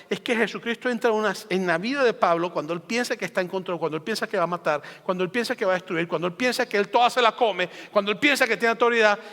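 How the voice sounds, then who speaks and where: A pastor with a notably high voice preaches an emphatic sermon, stacking phrase upon repeated phrase to drive each point home. His voice rings out with a long reverb tail, as in a large church sanctuary. He shifts between quiet asides and strong, rising emphasis.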